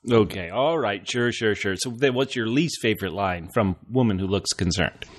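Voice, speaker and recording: A man's voice: on the low side, moderate pace. A man co-hosting a comedic podcast, ribbing his partner in a teasing, playful way. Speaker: podcast co-host.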